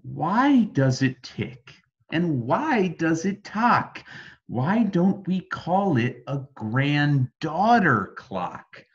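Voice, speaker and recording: A man's voice: on the high side, sing-song, extremely slow, slightly rough, highs cut off, voice pushed up, full character voice. A man voicing a curious little girl in a storybook, asking questions in an inquisitive, emphatic way.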